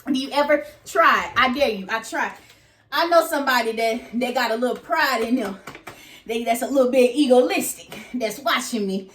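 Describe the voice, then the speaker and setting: A woman's voice: a little high, moderate pace, fairly bright tone. A woman giving casual motivational talk to camera, folksy and preachy, calling her viewers baby and y'all. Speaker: motivational vlogger. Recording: echoey room with faint noise.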